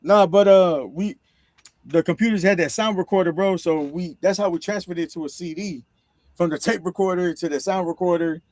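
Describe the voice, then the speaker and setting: A podcast host chats in a laid-back, slangy way, tossing in "bro" often. His voice sits high with a darkish tone, moves at a moderate pace, and carries no room sound.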